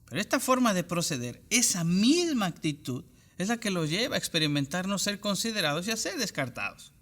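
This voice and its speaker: A man's voice: high-pitched, very animated, brisk, fairly bright tone. A male pastor preaching an online church sermon, emphatic, speaking straight to the listener in repeated parallel phrases.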